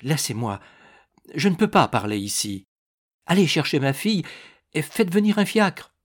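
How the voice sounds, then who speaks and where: A man voicing an agitated aristocratic countess, a middle-aged woman who speaks in a pleading, hurried, breathless way. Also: mid-range voice, lightly acted.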